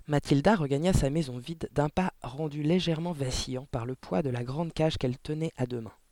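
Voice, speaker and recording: A man reading a children's novel aloud in an expressive, theatrical storytelling style. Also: fairly high pitch, a little fast, no echo. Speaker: audiobook reader.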